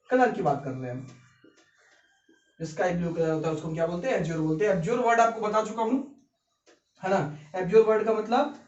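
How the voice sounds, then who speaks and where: A man teaching vocabulary, explaining word meanings in an animated way and often asking and answering his own questions. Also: high-pitched. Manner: animated, repetitive questioning, calls viewers beta and bhai. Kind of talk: explaining lesson in Hindi and English. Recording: echoey room, mic at a distance, dull sound.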